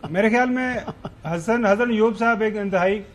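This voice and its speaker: A man hosting a television current affairs discussion, briskly handing questions to his panelists. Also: sits high. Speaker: talk show host.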